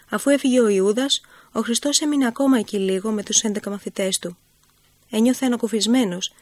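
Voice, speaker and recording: Calm woman narrating a Bible story. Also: mid-range voice, no room sound.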